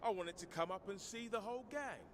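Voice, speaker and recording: A man's voice: high voice, fairly quick, slight background noise, lightly acted. An actor playing a cheeky, theatrical male survivor in a zombie video game, wry and mock-pompous. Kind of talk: scripted video game acting.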